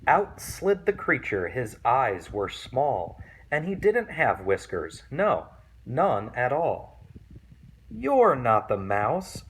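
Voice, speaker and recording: A man reading a children's picture book aloud in an expressive narrating style. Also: medium pitch, takes it slowly, slightly rough, poor audio. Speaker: storybook reader.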